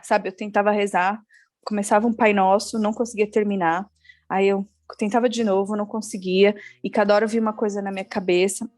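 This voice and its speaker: A young Brazilian woman tells her own story as an interview guest, earnest and emotional, her speech full of small fillers. Her voice sits at an ordinary pitch for a woman and sounds dry and close. Faint music plays underneath. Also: a little mellow, no room sound.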